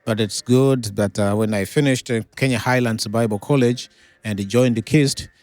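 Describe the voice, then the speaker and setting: A middle-aged man from Tanzania, a pastor, telling his life story as an interview guest in an unhurried way with many pauses and fillers. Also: mid-range voice, steady tone, a little mellow, no room sound.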